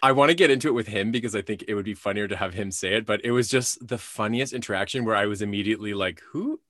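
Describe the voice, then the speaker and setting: A man co-hosts a casual podcast, and his voice sits a little low. He rambles playfully and keeps breaking into laughter. He records in a closet, so the sound is very dry. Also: racing, bright, forceful tone, no room sound. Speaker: podcast co-host. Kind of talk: casual chat. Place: closet at home.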